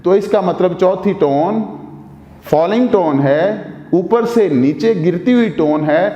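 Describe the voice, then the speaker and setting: A man's voice: high-pitched, slow, dark tone, dull audio. A man teaching a video language lesson, patient and formal, going over each point step by step. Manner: formally addresses viewers. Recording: echoey room with long reverb.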